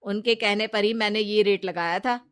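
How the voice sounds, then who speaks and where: A woman voicing an adult male property dealer in an animated storybook, who deflects matter-of-factly. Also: medium pitch, moderate pace, clear, resonant tone, natural voice. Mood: defensive.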